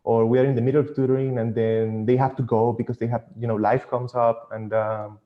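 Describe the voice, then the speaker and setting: A man's voice: mid-range voice, little pitch movement, brisk. A man with a Venezuelan accent speaking casually and a little hesitantly as a tutor in an interview over an internet call. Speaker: online physics tutor. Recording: dull lo-fi internet call audio.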